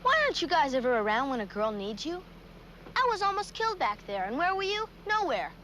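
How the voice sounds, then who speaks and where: Shrill, indignant teenage runaway girl. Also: big pitch swings, fairly quick, sharp tone, slight background noise, exaggerated voice. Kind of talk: 1970s TV drama acting.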